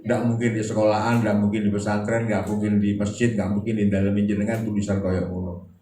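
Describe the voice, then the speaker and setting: Guy preaching, low mellow voice, storytelling w/ emphatic bursts, echoey hall. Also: little pitch movement, fairly quick, a little hiss or hum. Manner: storytelling, switching into dialogue voices, rising to emphatic peaks. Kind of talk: humorous sermon. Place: event hall. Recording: echoey hall with faint ambience.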